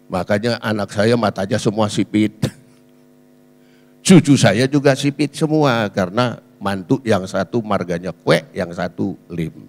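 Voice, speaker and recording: A man's voice: fairly low pitch, unhurried. A man in his sixties, a preacher, telling a funny story in a sermon, chatty and laughing as he acts out the people in it.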